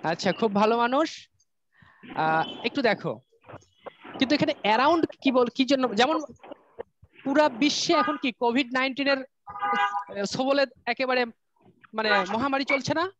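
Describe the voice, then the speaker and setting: A man's voice: extremely high pitch, sing-song, moderate pace, long pauses. A male schoolteacher with a Bangladeshi Bengali accent, teaching a classroom English lesson. He explains step by step and keeps quizzing his pupils. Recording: dull lo-fi sound with loud room noise.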